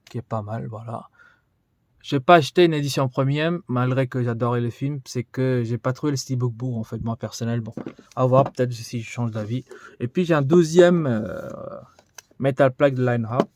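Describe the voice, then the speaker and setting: A man's voice: mid-range voice, steady tone, normal speed, darkish tone, no echo, studio quality. A man giving a casual vlog tour of his collection, rambling and thinking aloud with many fillers. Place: indoors in a collection room.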